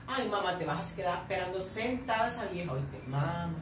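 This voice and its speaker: A young Colombian man chatters through a reaction video, gossipy and animated, teasing his viewers as he goes. He sits back from the mic in an echoey room, and a faint hiss runs underneath. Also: sits high, fairly quick, recorded from a distance. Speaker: reaction vlogger. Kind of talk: casual reaction commentary. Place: at home with family nearby.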